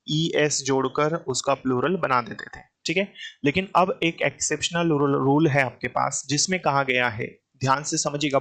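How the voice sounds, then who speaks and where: A man's voice: fairly high pitch, a bit bright. A man giving an exam-prep grammar lesson. He speaks with an Indian English accent, calls the student "beta", and keeps asking questions that he then answers himself. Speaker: English teacher.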